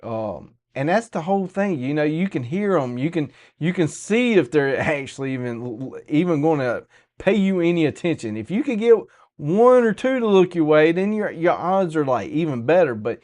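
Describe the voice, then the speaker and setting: A man's voice: on the high side, big pitch swings, moderate pace, a little mellow. A man with a Southern US accent hosting a podcast, chatting casually in a folksy, colloquial way. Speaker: podcast host.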